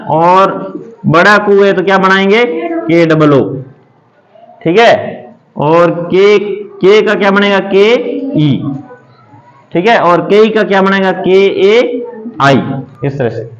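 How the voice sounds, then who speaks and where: Guy teacher, pretty high voice, drills phonics over and over, muffled lo-fi audio. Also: slow pace, pauses often. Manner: repeats questions and answers them himself, patient and drilling; writes examples on a board while talking. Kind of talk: classroom lesson on English phonics. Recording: dull lo-fi recording.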